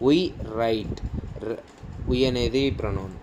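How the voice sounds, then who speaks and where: A man with a Telugu accent teaching English grammar. He reads each English rule out slowly, then explains it in Telugu. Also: mid-range voice, noisy background. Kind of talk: bilingual grammar lesson.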